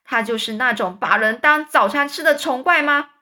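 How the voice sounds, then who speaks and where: A woman's voice: sits high, normal speed, sharp tone, pitched above the performer's own voice. A woman voicing a frightened, shrieking fire chief in a children's story reading. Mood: panicky yelling. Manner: shrieking, panicky.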